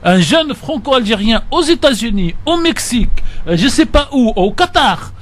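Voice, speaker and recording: A man's voice: extremely high pitch, normal speed. A man speaking as a radio studio guest in a debate, telling anecdotes animatedly and acting out the dialogue. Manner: animated storyteller, acts out dialogue.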